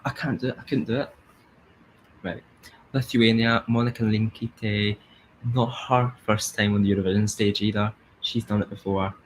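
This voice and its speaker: A man's voice: lowish voice, fairly even intonation, normal speed, rough recording. Man, young adult, Scottish accent, casual live-stream chat, rambling, faint background noise. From Scotland. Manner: chatty, rambling, sings along in snatches.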